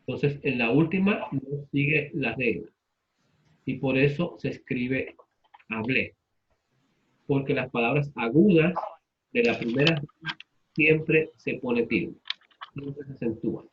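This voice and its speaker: A man's voice: mid-range voice, takes it slowly, long pauses, muffled recording, a little hiss or hum. A man teaching a class, repeating students' answers and asking them questions in turn. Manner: patient, repeats answers back and asks questions.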